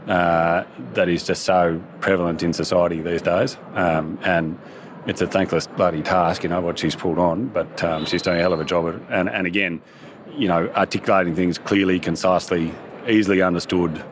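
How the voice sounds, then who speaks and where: A man's voice: low-pitched, fairly even intonation, moderate pace, noisy background. An Australian man being interviewed casually, speaking in a plain, colloquial way. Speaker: conference attendee being interviewed.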